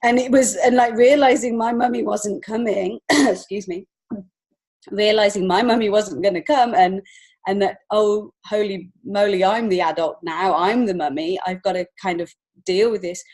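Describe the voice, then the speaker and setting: A woman with a medium-pitched, slightly mellow voice, fairly even intonation and a moderate pace recounts personal stories as a podcast guest. The children's book author and illustrator speaks informally and from the heart, openly sharing her feelings in the interview.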